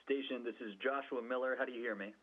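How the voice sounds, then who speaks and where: A man's voice: mid-range voice, fairly even intonation, fast talker. A man working as a reporter, asking chatty, courteous interview questions over a phone-like line. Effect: phone or radio line.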